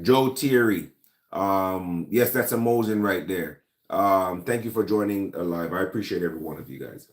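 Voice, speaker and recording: This low-voiced man from Jamaica hosts a laid-back gun-talk livestream, calling out viewers by name between frequent ums. His Jamaican accent comes through a laptop or camera mic that makes the sound roomy.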